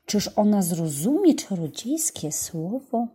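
A woman's voice: mid-range voice, big pitch swings, takes it slowly, mellow, slightly rough, exaggerated voice. A woman reading a storybook, voicing an eager, stubborn little boy who pleads insistently. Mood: hopeful.

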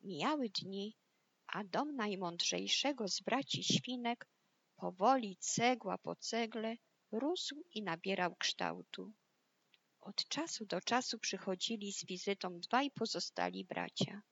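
A woman narrating a children's fairy tale in a calm, measured storytelling voice. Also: mid-range voice, breathy edge, muffled recording. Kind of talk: storybook reading.

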